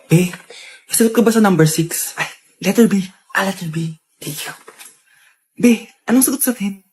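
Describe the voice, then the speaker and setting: A woman's voice: medium pitch, moderate pace, a little mellow, breathy edge. A woman acting out comedy skit banter in a slangy, teasing, exclamatory way.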